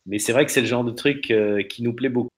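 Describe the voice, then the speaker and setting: A man talking casually on a podcast, halting and repeating himself as he searches for words. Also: medium pitch, fairly even intonation, breathy edge.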